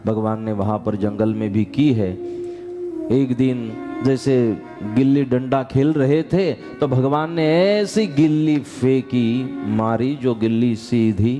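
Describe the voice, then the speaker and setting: A man delivers a devotional story sermon at an unhurried pace, dramatic in tone, often climbing to fervent high calls and sometimes sliding into song. Instrumental music plays clearly behind him. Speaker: katha preacher.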